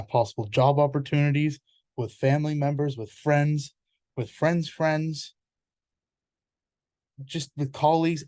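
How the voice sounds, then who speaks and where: A man's voice: mid-range voice, mellow, no echo. A young man giving an earnest, persuasive presentation to a group. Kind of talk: class presentation.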